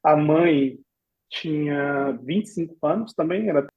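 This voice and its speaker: A man's voice: fairly high pitch, a little slow, highs cut off. A man with a Brazilian accent, a podcast guest casually telling stories and acting out the dialogue. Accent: Brazilian Portuguese. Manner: animated, acts out remembered dialogue with laughs and exclamations. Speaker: podcast guest, former au pair. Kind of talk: casual storytelling in a podcast interview.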